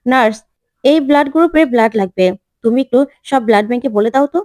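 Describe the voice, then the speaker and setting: A woman voicing a firm, authoritative middle-aged woman doctor giving brisk orders. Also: on the high side, darkish tone, dry recording, studio quality, close to an everyday voice.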